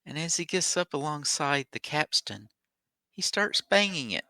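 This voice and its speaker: A man's voice: a little high, big pitch swings, moderate pace, pushed and bright, dry recording. A man narrating a tabletop game as its game master.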